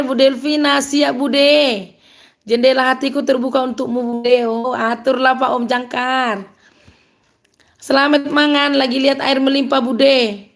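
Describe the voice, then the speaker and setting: A woman with a Medan accent and a slightly high voice hosts a live stream. She reads viewer comments aloud and answers them in an upbeat, chatty way, laughing often. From Medan, North Sumatra.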